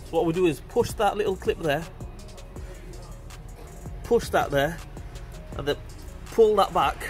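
Unhurried and lively in intonation, a mechanic with a slightly high, congested voice explains a car repair to viewers he calls "guys." It's a chatty, informal how-to recorded on a phone near the engine, with faint music behind him.

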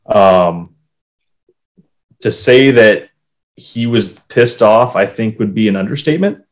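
A man's voice: fairly low pitch, slow. A man co-hosting a podcast, talking casually and animatedly, with swearing. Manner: animated, swearing, reading quotes aloud. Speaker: podcast co-host. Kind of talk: casual hockey podcast chat.

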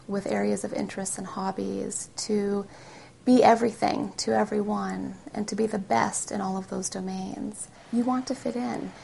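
Woman expert, analytical interview comment, very gravelly, flat and mellow voice. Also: mid-range voice, a little hiss or hum. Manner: reflective, analytical.

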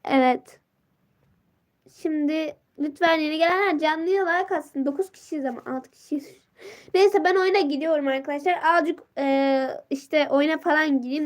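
A teenage girl hosts a casual live stream from her phone, greeting viewers by name and reading their comments aloud. Her voice sits high, but a sore throat and a blocked nose leave it worn and stuffy.

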